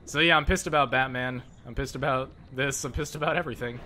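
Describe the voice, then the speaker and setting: A man's voice: mid-range voice, quick pace, pushed and bright, a little hiss or hum. A man ranting profanely while commenting on a video game he is playing. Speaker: let's play host. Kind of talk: casual gaming commentary.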